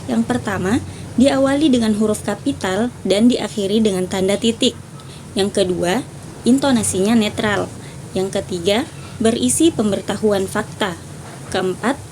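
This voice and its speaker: A young woman presenting a class topic, reading her points in a steady list. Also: medium pitch, slight background noise. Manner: steady listing of points, clears throat. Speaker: student presenter.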